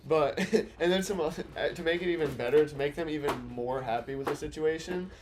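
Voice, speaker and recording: A man's voice: a little high, a little fast, music in the background. A young man co-hosting a podcast, telling stories in a laid-back, casual way and laughing as he goes. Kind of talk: casual storytelling chat.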